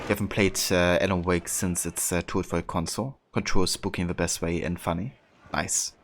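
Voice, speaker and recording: A man's voice: low-pitched, level tone, a little fast. A man livestreaming a video game, chatting casually with viewers in a hesitant, thoughtful way. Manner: hesitant, thoughtful, reads and answers chat. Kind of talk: casual chat with viewers while playing. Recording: clear background game noise. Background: game ambience.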